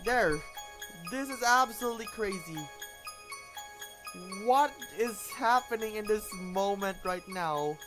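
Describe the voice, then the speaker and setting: A young man hosting his own channel, giving live chess commentary, excitable and given to repeated exclamations. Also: sits high, slow, music in the background.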